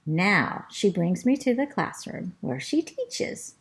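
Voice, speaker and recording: A woman reading a children's storybook aloud as a chatty, fussy pet parrot who narrates the tale, in a slow, sing-song rhyming manner. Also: mid-range voice, huge pitch swings. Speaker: storybook reader.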